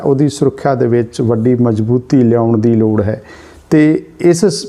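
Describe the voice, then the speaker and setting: A man with a Punjabi accent presenting a news commentary in a measured way, rephrasing his points with several near-synonyms. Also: mid-range voice, warm tone.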